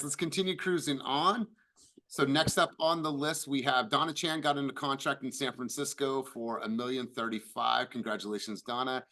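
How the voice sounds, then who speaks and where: A man's voice: mid-range voice, pushed and bright. A man hosting a team meeting over a video call, upbeat and congratulatory as he calls on agents.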